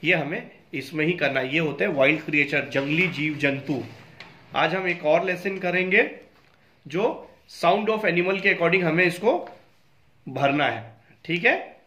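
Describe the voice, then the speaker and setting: A man's voice: a little high, bright, forceful tone. A male school teacher giving a recorded lesson, mixing Hindi and English and spelling words out letter by letter. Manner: reads book lines slowly and clearly. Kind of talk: recorded online class lesson.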